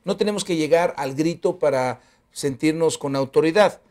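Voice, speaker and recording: A man's voice: fairly high pitch, normal speed, darkish tone. A man hosting a TV talk show, asking questions casually with frequent fillers. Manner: conversational, frequent fillers like "este".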